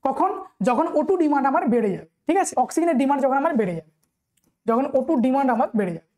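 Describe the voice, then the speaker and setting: A young woman with a Bengali accent runs a nursing exam-prep lesson in a high voice. She reads the questions aloud at an unhurried pace, then hurries through her explanations. She keeps checking in with her listeners as she goes. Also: big pitch swings, dark tone.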